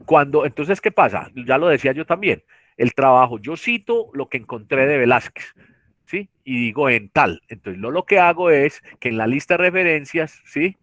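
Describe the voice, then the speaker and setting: A man's voice: mid-range voice, animated, moderate pace, a bit bright, no echo. A man with a Colombian accent giving a lecture in an online class, explaining step by step with many restarts and checking questions. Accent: Colombian Spanish. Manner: explanatory, repeats tag questions, frequent restarts. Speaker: teacher. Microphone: computer mic on a video call.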